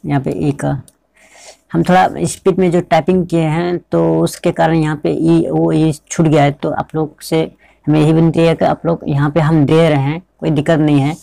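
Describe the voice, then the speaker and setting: Gravelly-voiced male pronunciation teacher. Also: a little high, little pitch movement, moderate pace, warm tone, dry recording. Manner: repeats words and asks the listener rhetorical checks. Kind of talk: classroom-style explanation.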